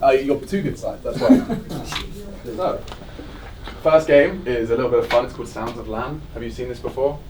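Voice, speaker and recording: A man's voice: medium pitch, normal speed, pauses often. A man interviewing players casually, chummy and joking. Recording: distant mic, noisy background.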